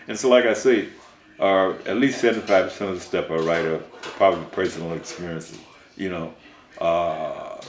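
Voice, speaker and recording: A man's voice: sits low, echoey room, slight background noise. An older man from Mississippi, a songwriter, recalling his life in a rambling way with many restarts.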